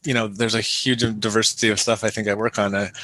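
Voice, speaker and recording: A man's voice: on the low side, level tone, fast talker, bright, forceful tone. A man from Canada, a landscape ecologist, giving thoughtful interview answers with frequent restarts over a video call.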